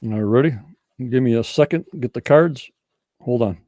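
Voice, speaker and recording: Laid-back guy running a trivia game, mellow voice, dry close mic, jokey and rambling. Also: medium pitch, moderate pace, dry recording. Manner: folksy, rambling, jokey game-show patter. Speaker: host of a livestream trivia game. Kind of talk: casual livestream chat.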